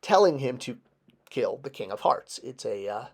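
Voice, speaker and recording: Man, medium pitch, casual commentary, explanatory, emphatic stresses, animated presenter. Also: normal speed, slightly rough. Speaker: video presenter.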